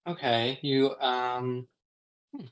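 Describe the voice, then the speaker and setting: A man runs a tabletop game, describing the scene in a measured way, pausing and filling gaps with ums. His voice sits at a middle pitch and sounds close to a streaming microphone. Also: poor audio. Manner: unhurried, descriptive narration with pauses and ums. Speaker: game master.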